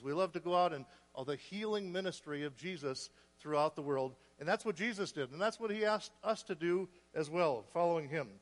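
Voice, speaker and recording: A man preaching a sermon, earnest and a bit short of breath, restarting phrases and clearing his throat. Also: on the high side, big-room sound. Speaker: guest preacher.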